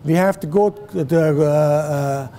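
A Swiss-accented man in his sixties speaks extremely slowly in a fairly high, dark-toned voice while guest lecturing students. He gestures, asks the audience questions, and uses lots of fillers and restarts. The setting is an indoor classroom with a screen, captured by a far camera with no visible mic.

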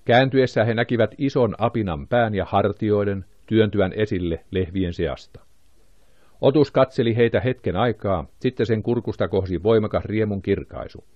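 A man's voice: on the low side, dry recording, muffled recording. A man reading an audiobook aloud, lifting his voice for the characters' lines. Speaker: audiobook narrator. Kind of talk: audiobook narration.

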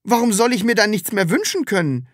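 A woman's voice: mid-range voice, sing-song, a little fast, no room sound, studio quality, voice pushed up, close to an everyday voice. A woman voicing a timid, earnest grown man in an audiobook, talking in a way that is easily flustered. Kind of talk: audiobook character reading.

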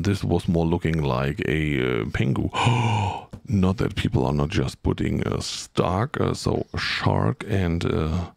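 A man's voice: sits low, creaky, darkish tone, no echo. A man streaming a game and chatting with his viewers, humming and scatting to himself as he plays, close to the mic. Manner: chatty, hums and scats to himself, reads chat aloud. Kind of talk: casual gameplay commentary to chat.

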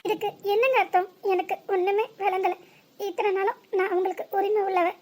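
A woman's voice: extremely high pitch, steady tone, a little fast, darkish tone. A woman voicing a hurt young wife in a cartoon, asking bitter, reproachful questions. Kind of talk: cartoon voice acting.

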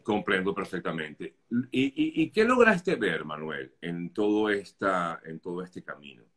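A man's voice: low-pitched, sing-song, unhurried, a bit bright. A male journalist interviewing a guest with courteous, probing questions.

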